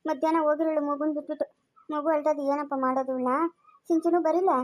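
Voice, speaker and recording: A woman's voice: high-pitched, steady tone, fast, darkish tone, lightly acted. A woman playing a fretful village grandmother who scolds and coaxes, speaking with a Chikkaballapur Kannada accent. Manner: anxious, scolding, coaxing. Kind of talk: village family drama.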